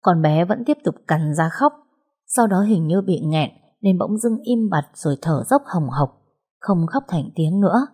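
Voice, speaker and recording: Female narrator for a first-person audiobook; soft, steady delivery, husky and mellow. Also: lowish voice, a little slow.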